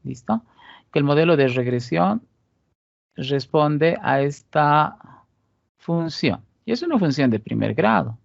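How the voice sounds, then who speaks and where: Gravelly-voiced Bolivian man teaching statistics. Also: a little high, animated, takes it slowly, pauses often, dry recording, lo-fi sound. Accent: Bolivian Spanish (Cochabamba). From Cochabamba, Bolivia. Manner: explanatory, asks rhetorical questions, frequent "¿listo?" check-ins. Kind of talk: recorded statistics lecture.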